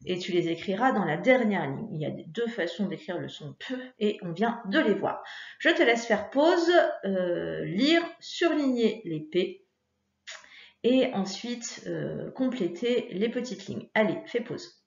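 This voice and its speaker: A woman's voice: medium pitch, animated, unhurried, creaky. A woman teacher talking young pupils through a phonics worksheet in a patient, encouraging way, with frequent fillers. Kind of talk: recorded lesson for young pupils. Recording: echoey room, dull lo-fi sound.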